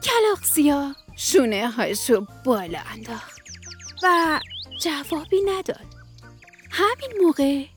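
A woman narrating a bedtime story for children on a radio show, in a gentle, sing-song way with small fillers. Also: sits high, sing-song, music in the background.

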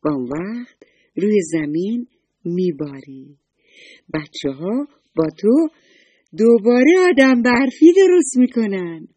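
A woman's voice: mid-range voice, big pitch swings, pauses often, warm tone, slightly rough, dry recording, pitched above the performer's own voice. A woman voicing a cheerful, motherly sun who talks in a coaxing, affectionate way in a children's story. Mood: soothing. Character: kind motherly sun lady, cheerful and soothing.

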